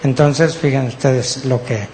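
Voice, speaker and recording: A Mexican pastor preaching at a slow, deliberate pace, patiently teaching and checking in with his congregation. His voice carries a long church-hall reverb over a faint background hiss. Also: mid-range voice, steady tone, darkish tone. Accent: Mexican Spanish. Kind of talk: sermon.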